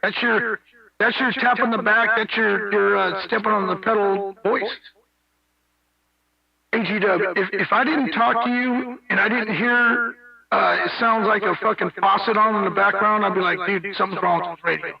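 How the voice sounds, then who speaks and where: A man chats over CB radio in a high, gravelly voice, rambling and restarting his sentences. He sounds distant and muffled through the radio. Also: fairly even intonation, normal speed, over a noisy crowd. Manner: rambling, repeats and restarts, calls people bro and dude. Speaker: CB radio operator. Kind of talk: casual radio chat.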